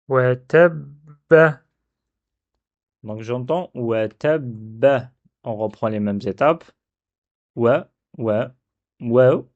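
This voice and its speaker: A man teaching a dictation lesson step by step, sounding syllables out slowly and repeating them. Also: medium pitch, dark tone, dull audio. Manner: slow, repeats syllables aloud. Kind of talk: step-by-step lesson on writing Arabic letters.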